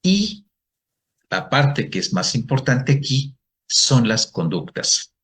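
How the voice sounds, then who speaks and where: A man's voice: medium pitch, big pitch swings, slow pace, a bit bright. A male psychologist giving a workshop to an audience, asking questions and answering them himself. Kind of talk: presentation talk to an audience.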